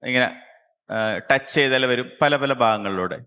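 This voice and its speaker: A man, a camp instructor who leads a concentration exercise with slow, calm instructions and long pauses. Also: medium pitch, smooth.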